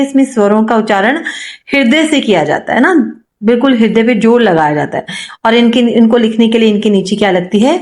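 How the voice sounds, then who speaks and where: A woman's voice: on the high side, reverberant. A woman music teacher explaining a lesson, asking questions and answering them herself. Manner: asks questions and answers them herself, repeats key points. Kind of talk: classroom-style lesson explanation.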